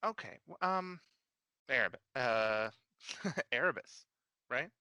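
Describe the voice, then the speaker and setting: A man taking his turn in a tabletop game, speaking haltingly and stumbling over his words. His voice is bright and forward. The recording is dry and close. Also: mid-range voice, expressive, smooth, no echo. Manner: hesitant, halting, full of restarts. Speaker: player. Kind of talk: tabletop role-play.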